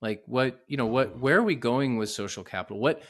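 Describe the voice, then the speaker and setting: A man's voice: medium pitch, brisk, fairly bright tone. A man hosting a casual interview, asking pointed rhetorical questions and stumbling through restarts. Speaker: podcast host.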